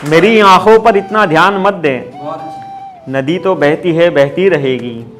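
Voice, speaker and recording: A male poet with a slightly high voice performs a ghazal at a Mumbai open mic, his delivery measured and set over clear instrumental backing. Every couplet is declaimed and then repeated with rising intensity.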